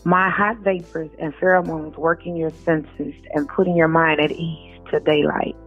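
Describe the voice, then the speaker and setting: Recorded in dull lo-fi audio with music in the background, a female author guest alternates between reading aloud and informal interview talk. She speaks low, at a moderate pace, with fairly even intonation.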